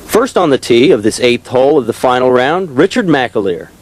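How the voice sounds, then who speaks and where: A man giving golf-style play-by-play commentary, describing each shot in a measured, descriptive way. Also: mid-range voice, very animated, a little hiss or hum. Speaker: disc golf tournament commentator.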